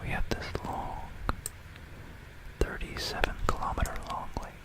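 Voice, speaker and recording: Whispering into a close stereo binaural microphone, an ASMR host gives an educational history talk, explaining things at an unhurried pace.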